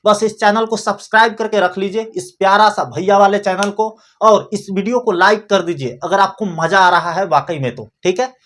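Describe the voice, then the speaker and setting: A man's voice: high voice, moderate pace, hardly any pauses, fairly bright tone. A man teaching an exam-prep lesson in a chatty, coaxing way, repeating each memory trick several times.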